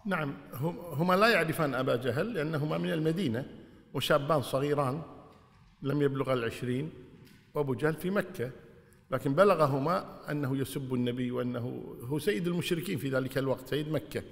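A man's voice: fairly high pitch, fast talker. A man teaching a religious lesson, explaining and retelling the narrators' words in an informal way. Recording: hall with long reverb.

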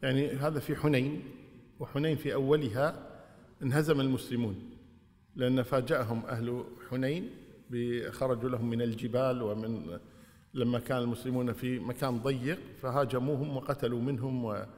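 A man's voice: medium pitch, fairly even intonation, brisk, a little mellow. A man teaching a religious lesson, explaining and retelling the narrators' words in an informal way. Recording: hall with long reverb.

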